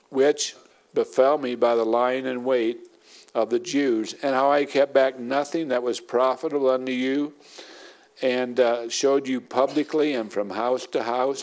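A man's voice: mid-range voice, a little mellow. A middle-aged man preaching a sermon as pastor, emphatic and repeating his points for weight.

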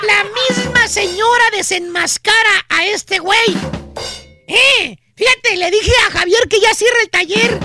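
A man's voice: very high-pitched, unhurried. A man voicing a crude, mocking male "maestro" character with a Mexican accent, ranting in slang on a radio comedy show. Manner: rowdy rant full of slang, jumps into shouts. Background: music.

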